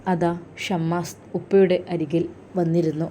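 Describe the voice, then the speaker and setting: A woman with a Malappuram accent narrating an emotional story in a slow, heartfelt way. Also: on the low side, level tone, warm tone, a little hiss or hum. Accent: Malappuram Malayalam.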